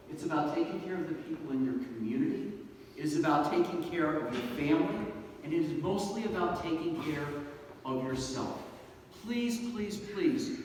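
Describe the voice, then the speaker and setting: A man's voice: a little high, a little mellow, distant mic, slight background noise. Earnest man speaking in an echoey hall. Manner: earnest, with folksy humor. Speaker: guest speaker from a law-enforcement agency. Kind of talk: banquet speech. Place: banquet hall.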